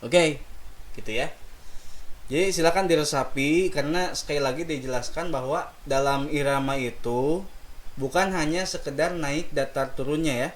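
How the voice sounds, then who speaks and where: A man teaching Quran recitation melody, explaining slowly and patiently and singing sample phrases for students to repeat. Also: on the high side. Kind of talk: recitation lesson with call and response.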